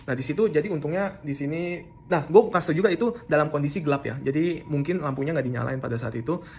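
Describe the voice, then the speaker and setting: A man's voice: a little high, quick pace, vocal fry, a little mellow, breathy edge. Young man, casual storytelling, slangy talk, restarts often, drops in English words. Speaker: storyteller recounting an assault. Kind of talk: casual first-person storytelling.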